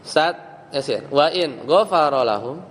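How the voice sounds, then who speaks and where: A male religious teacher giving a classroom lesson, quizzing students on grammar with quick questions. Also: a little high, expressive, big-room sound, slight background noise, low-quality recording. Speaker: Islamic teacher.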